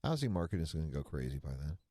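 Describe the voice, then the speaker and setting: A man's voice: very deep voice, very animated, quick pace, warm tone, dry recording. A man in his sixties co-hosting a financial talk show, chatting casually with folksy, rambling asides. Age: 60s. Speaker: financial radio show co-host. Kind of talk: casual talk radio chat.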